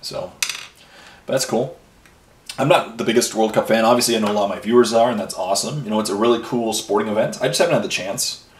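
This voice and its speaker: A quick-paced man with a lowish voice makes casual talk over his miniature painting for a hobby video, rambling along with frequent fillers. His background is Irish and Canadian, and he's in a home hobby room. Expect roomy echo, a slightly distant voice and faint noise.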